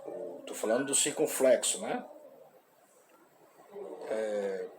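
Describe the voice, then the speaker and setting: A man with a Brazilian Portuguese accent teaching a Greek grammar class in an informal way, often ending phrases with a questioning "né?" and pausing on fillers. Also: lowish voice, lively intonation, noisy background. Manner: frequent "né?" tag questions and hesitant fillers.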